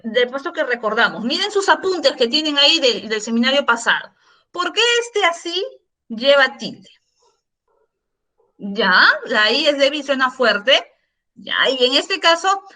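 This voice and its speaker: High lively lady teacher going over grammar, keeps asking the class stuff, patient. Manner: patient, questioning, repeats examples. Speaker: secondary school language teacher. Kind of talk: online class explanation.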